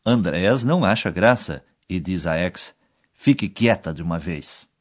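A man with a lowish, lively voice narrates a language lesson. He sets up each scene and then says the target words slowly and clearly. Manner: explains each phrase, then quotes the foreign words. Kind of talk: scripted narration.

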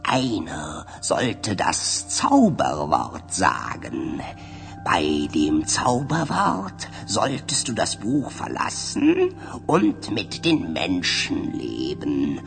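Whispering gravelly house elves. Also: sits low, wildly swooping pitch, very slow, soft background music, full character voice. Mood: mysterious. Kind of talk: radio drama for language learners.

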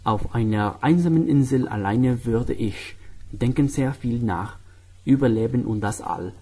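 Mellow Spanish-accented man speaking learner German. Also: mid-range voice, measured pace, slightly rough. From Guatemala. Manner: careful learner German with grammar slips. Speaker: medical student, German learner. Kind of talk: personal portrait monologue.

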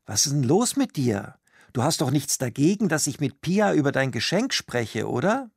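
A man voicing a cheerful, teasing husband in a slow read-aloud story. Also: fairly high pitch, very animated, vocal fry, slightly rough, no echo, clean studio sound, heavily acted. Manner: breezy, joking.

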